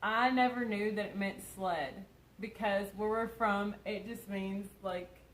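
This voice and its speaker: A woman's voice: mid-range voice, fairly even intonation, unhurried, reverberant, a little hiss or hum, rough recording. A young woman from Kentucky with a mild Southern accent, co-hosting a casual, giggly chat. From Kentucky, USA. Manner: chatty, giggly. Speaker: co-host.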